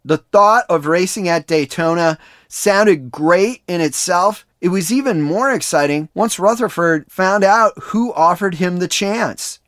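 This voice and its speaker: A man hosting a podcast, reading a measured scripted narration between interview clips. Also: sits high, a bit bright, dry recording, studio quality. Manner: measured, reads a prepared script. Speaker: podcast host.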